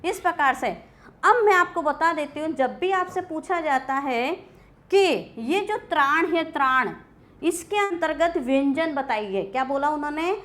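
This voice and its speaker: A woman's voice: sits high, a little slow, a bit bright. A woman teacher giving a classroom grammar lecture, asking questions and answering them herself. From India. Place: coaching class.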